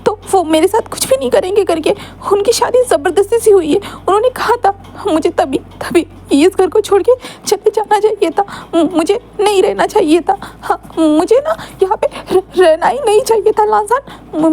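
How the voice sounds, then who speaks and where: A woman's voice: high voice, fairly even intonation, fairly quick, warm tone, a little hiss or hum, close to an everyday voice. A woman voicing a heartbroken young man who cries and stammers while pleading to be loved. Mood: sobbing. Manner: sobbing, stammering, repeating words. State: crying.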